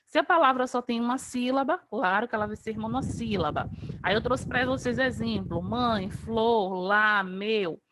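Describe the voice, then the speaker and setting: A woman teacher gives an online grammar lesson in a slightly high voice. She explains patiently and slowly draws out each example word. A faint hiss sits under the video call audio.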